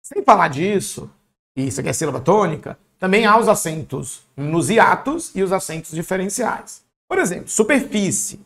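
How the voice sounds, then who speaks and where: With a high voice and a normal speaking speed, this male tutor leads an online exam-prep session. He's energetic, chatty and encouraging, and keeps asking whether his students are following along.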